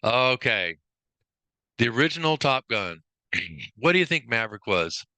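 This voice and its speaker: In a medium-pitched, sing-song voice that runs a little slow, a male workplace trainer teaches informally, bright and forceful in tone. He lists off traits rapidly and makes brief self-corrections from time to time, recorded dry.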